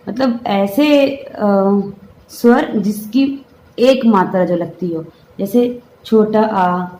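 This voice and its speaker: A woman's voice: medium pitch, mellow, a little hiss or hum, low-quality recording. A woman teaching a grammar lesson, explaining step by step and having the class say the sounds aloud.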